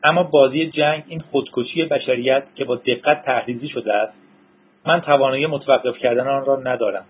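A man voicing an older male scientist who speaks calmly and somberly, detached from doom, on a tinny narrow-band recording. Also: medium pitch, slightly rough, lightly acted. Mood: cold.

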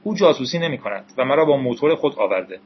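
A man's voice: medium pitch, expressive, slightly rough, lo-fi sound. A man voicing an eager young male gamer with a questioning delivery, in an audiobook reading. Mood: earnest.

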